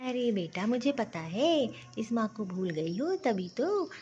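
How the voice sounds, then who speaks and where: A woman's voice: a little high, sing-song, unhurried, lo-fi sound. A woman voicing a worried older mother who doubts her newly married daughter's in-laws and warns her. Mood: reproachful. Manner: doubting, warning, soft-spoken.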